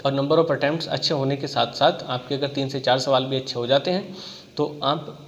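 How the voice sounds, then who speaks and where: A man's voice: mid-range voice, moderate pace, long reverb tail, highs cut off. A man coaching students on exam strategy in a conversational way, stopping often to check that they follow and walking through examples. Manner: conversational, repeats "theek hai" and talks through examples.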